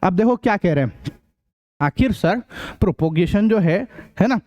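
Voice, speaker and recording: A young male teacher gives a lively, joking science lecture. His voice sits high for a man, and he breaks into drum and bell sounds and acts out little voices as he explains. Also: measured pace, muffled recording. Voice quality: playful, imitates sounds and voices. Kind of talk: lively classroom lecture with jokes and sound effects.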